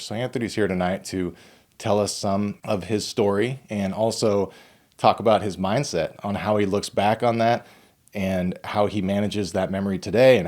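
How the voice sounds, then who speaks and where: Low-voiced man hosting a podcast. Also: a little mellow. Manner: smooth scripted intro, then short attentive questions. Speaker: podcast host. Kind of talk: podcast interview.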